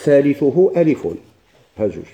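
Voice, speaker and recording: A man's voice: fairly high pitch, very animated, moderate pace, warm tone. A man with a Moroccan Arabic accent teaching a classroom grammar lesson, explaining step by step and asking his own questions.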